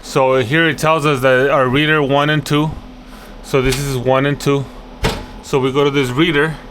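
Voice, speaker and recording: An installer and video host works through an access control job at an office indoors, unscripted, instructive, and thinking out loud with frequent repeated phrases. His voice is medium-pitched and a bit bright, with slight background noise.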